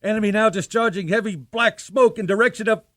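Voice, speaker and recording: Casting: man playing authoritative, urgent old-time radio drama announcer or officer, higher-pitched, dry studio sound. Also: brisk, a bit bright, no room sound. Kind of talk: 1930s radio drama acting.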